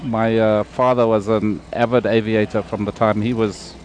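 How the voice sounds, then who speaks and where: Male guest from South Africa, casual and halting, outdoor airfield recording, light background noise. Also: fairly low pitch. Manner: relaxed, hesitant, many fillers. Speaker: guest, paint scheme designer. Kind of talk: casual outdoor podcast chat. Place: outdoor airfield deck near runway.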